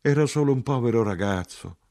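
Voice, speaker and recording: A man reading aloud and voicing an old Sicilian mother who is wary, easily startled and quick to exclaim. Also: animated, mellow, natural voice. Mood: dismayed. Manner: wary, then shrill and exclaiming.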